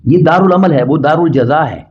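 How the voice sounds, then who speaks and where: A middle-aged man delivering a Friday sermon as a preacher, chanting Arabic quotations slowly and then explaining them with rising emphasis on key points. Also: fairly high pitch, a little hiss or hum. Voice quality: recites Arabic hadith in slow measured chant, then explains in Urdu. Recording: dull lo-fi sermon recording.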